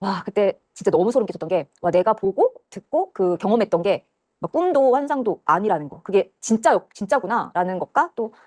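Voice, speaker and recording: A woman's voice: mid-range voice, very animated, darkish tone, no room sound. A young woman giving an earnest personal testimony, telling a hospital story and acting out the voices in it. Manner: earnest, rushed storytelling, acts out quoted voices. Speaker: testimony guest. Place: church studio.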